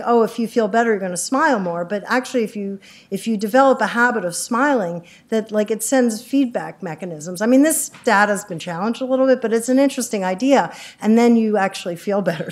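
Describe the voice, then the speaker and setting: A middle-aged woman psychiatrist giving an informal community talk, chatty and self-deprecating, with lots of fillers and restarts. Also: medium pitch. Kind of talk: informal lecture.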